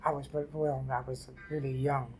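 An older woman from New City, telling her life story haltingly in an oral history interview. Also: extremely low pitch, little pitch movement, a little mellow, soft background music. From New York City. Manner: halting, repeats and restarts phrases. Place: library office.

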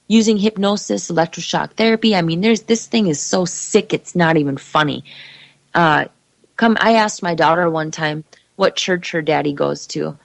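A woman with a low, gravelly voice gives an urgent personal testimony. She speaks emphatically and addresses her listeners directly. The sound is dry and close. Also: no echo, rough recording. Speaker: mother telling her story.

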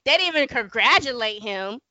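A woman's voice: a little high, lively intonation, fairly quick, sharp tone, no echo, highs cut off. A woman co-hosting a podcast in casual chat, needling and arguing her point. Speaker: podcast co-host.

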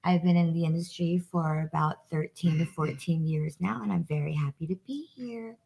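A woman's voice: sits low, moderate pace, gravelly, warm tone, husky, rough recording. A woman guest politely introducing herself on a podcast. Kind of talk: casual chat.

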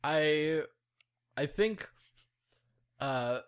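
A man's voice: on the high side, lively intonation, very slow, a bit bright, smooth. A man co-hosting a casual podcast, talking in a rambling way with many fillers and restarts, and laughing easily. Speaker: podcast co-host.

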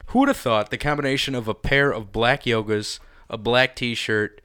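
A man's voice: mid-range voice, moderate pace, fairly bright tone, clean tone, no echo, studio quality. A young man co-hosting a casual chat with sarcastic, mocking quips. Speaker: co-host.

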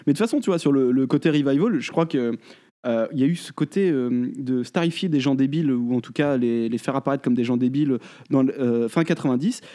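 A man's voice: medium pitch, fast, warm tone. A man co-hosting a casual chat, talking with many hesitations and restarts. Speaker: podcast co-host.

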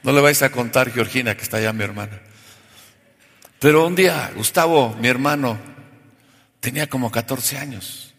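Gravelly preacher. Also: male voice, mid-range voice, normal speed, pauses often. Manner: asks the congregation questions and has them answer back; swings from soft to loud and shouting. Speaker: pastor. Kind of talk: sermon. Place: church hall. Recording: long reverb of a large hall.

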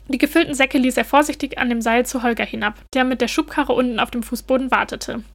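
Woman, storybook narrator, scripted reading, gentle, even, slightly high pitch.

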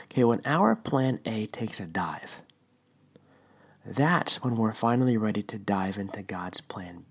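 Whispering man, low and husky. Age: 30s. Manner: conversational, checks in with listener. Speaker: devotional podcast host. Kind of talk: casual reading of a blog post. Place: at home, partner asleep next room.

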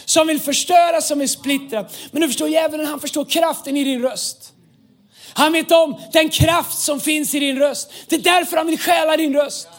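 A man pastor preaching an impassioned sermon, often raising his voice to a shout and dropping English phrases into his talk. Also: extremely high pitch, steady tone.

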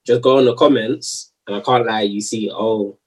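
A man's voice: medium pitch, steady tone, a little fast, slightly rough, rough recording. A man with a London urban accent giving his opinions in a casual discussion, emphatic and full of slang.

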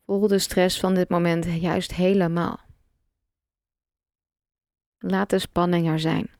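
A woman guiding a relaxation meditation, giving slow, calm, soft instructions with long pauses. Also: fairly low pitch, no echo, studio quality. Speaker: meditation guide.

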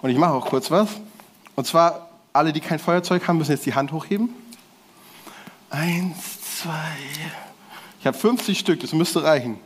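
A man delivers a casual sermon in a church hall, his voice sitting fairly high. He talks in relaxed slang, often restarting and correcting himself mid-sentence. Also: normal speed, pauses often, a little hiss or hum. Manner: colloquial slangy preaching, restarts and self-corrections. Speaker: preacher.

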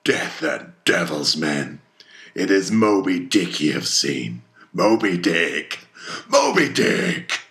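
Captain Ahab, very deep, fierce old seafarer. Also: male voice, takes it slowly, gravelly, heavily acted. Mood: rousing, fierce. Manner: archaic seafaring oratory, shouting and brooding. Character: obsessed old sea captain, fierce and vengeful.

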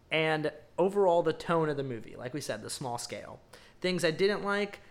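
A man's voice: medium pitch, fairly bright tone. A man co-hosting a podcast, giving a casual, rambling movie review full of ums and emphatic verdicts. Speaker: podcast co-host.

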